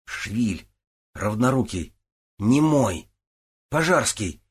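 A man's voice: lowish voice, normal speed, slightly rough. A man voicing a sarcastic, touchy young man in a hospital, grumbling and biting. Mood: excited.

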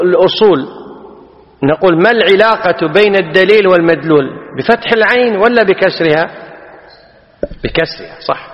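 A man teaching a class on a classical text. He explains slowly, repeats key words and quizzes his listeners. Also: sits high. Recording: dull, echoey hall.

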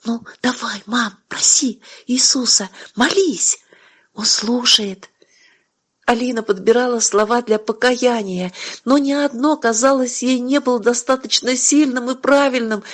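Woman narrator, slightly high voice, gentle measured storytelling.

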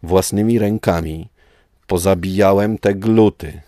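A man voicing a menacing, cruel armored male dark lord, speaking slowly with a rough voice in a read-aloud story. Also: low voice, no room sound, studio quality. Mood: goading. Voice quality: rough, mask-distorted voice. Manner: slow, taunting menace.

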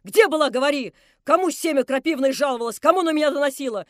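Brief: shrill, abusive old landlady in a storybook reading, put on by a woman reader; loud, scolding, self-pitying. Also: lively intonation, fast, no room sound, clean studio sound. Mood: bitter ranting. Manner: ranting, scolding, wailing self-pity. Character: drunk, vicious older landlady, shrieking fury. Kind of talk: audiobook reading.

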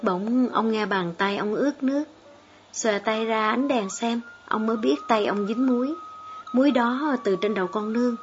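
A woman narrates a storybook in a steady, measured voice. Her voice sits fairly high. The audio is dull and lo-fi, with soft music behind her. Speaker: audiobook reader.

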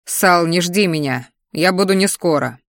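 A woman's voice: lowish voice, normal speed, fairly bright tone, no room sound, studio quality. A woman voicing a stern young male mage who talks to his family in a growling, sarcastic way. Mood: irritated.

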